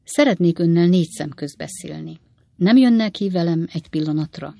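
A woman voicing a kindly, mild older gentleman who speaks gently and earnestly. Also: lowish voice, animated, vocal fry, no room sound.

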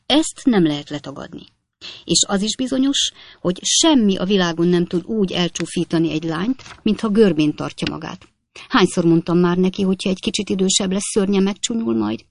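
A woman reading an audiobook voices a gallant, ingratiating gentleman who flatters the ladies. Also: medium pitch, voice pushed up, lightly acted. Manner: ingratiating, courteous. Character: gallant middle-aged gentleman, smooth flatterer.

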